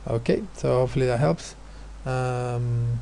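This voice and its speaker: Gravelly man teaching physics. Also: medium pitch, steady tone, unhurried, mellow, a little hiss or hum. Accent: non-American, his remark says so. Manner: hesitant, many fillers and restarts. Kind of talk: explaining exam questions.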